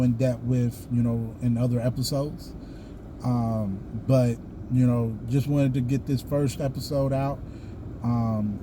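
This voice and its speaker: A man's voice: mid-range voice, background noise. A man with a Southern US accent telling a personal story casually to viewers, with folksy, colloquial phrasing. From the American South. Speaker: video host.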